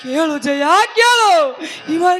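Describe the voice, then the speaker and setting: A ruined farmer, as a man plays him, pours out his grief in a high, sobbing, declamatory wail. He speaks slowly and drawn out, over loud stage music from a live folk drama. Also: animated, heavily acted. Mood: anguished. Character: grieving wounded farmer, a wronged young man. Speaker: stage actor.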